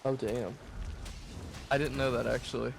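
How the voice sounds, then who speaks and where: A man's voice: mid-range voice, steady tone, normal speed, gravelly, slight background noise. Laid-back man gaming with a friend. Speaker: co-player. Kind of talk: casual chat while gaming.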